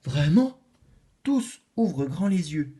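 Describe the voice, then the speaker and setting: A woman reads a children's story aloud. Her reading is gentle and expressive. She sounds like a storyteller sharing a picture book. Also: deep voice, measured pace, breathy edge.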